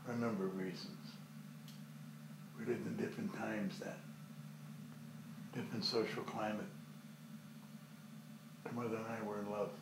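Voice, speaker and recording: An actor playing a gruff older man who is an estranged father, asking blunt, probing questions. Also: lowish voice, little pitch movement, moderate pace, pauses often, roomy sound, noisy background. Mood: somber. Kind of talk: film drama acting.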